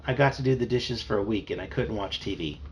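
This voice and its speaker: A man reading a children's novel aloud with an expressive delivery. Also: lowish voice, fast, dull audio, a little hiss or hum. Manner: animated, expressive. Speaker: storybook reader.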